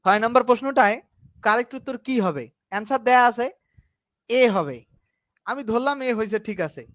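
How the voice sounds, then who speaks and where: A male English teacher giving an online class lecture. He explains slowly, mixes English grammar terms into his talk and keeps asking his students whether they follow. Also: extremely high pitch, lively intonation, a bit bright, no echo, clean studio sound. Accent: Bangladeshi Bengali.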